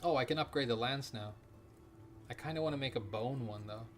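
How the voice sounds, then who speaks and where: Soft music plays behind a man with a medium-pitched voice who speaks fairly quickly while live-streaming a game. Japanese is his first language; he chats in a rambling, casual way, swears now and then, and reads his viewers' chat questions aloud.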